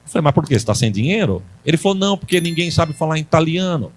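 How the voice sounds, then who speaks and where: During a church service, a pastor with a high voice preaches a Pentecostal sermon fast, his pitch swinging widely over slight background noise. He draws call-and-response from the congregation, builds to loud preaching, and tells folksy stories in colloquial grammar.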